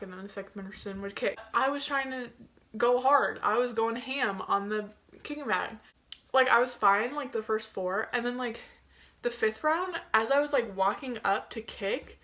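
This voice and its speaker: A woman's voice: medium pitch, fairly bright tone. A young woman telling a casual, gossipy storytime in a chatty, self-mocking way, peppered with "like". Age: young adult. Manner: chatty and gossipy, with heavy filler "like"; self-mocking, jokey delivery. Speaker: video creator telling her own story.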